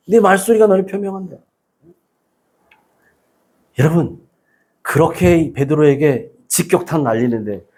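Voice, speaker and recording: A man's voice: on the high side, darkish tone, breathy edge. A man pastor preaching a Sunday sermon, emphatic, prodding the congregation with rhetorical questions.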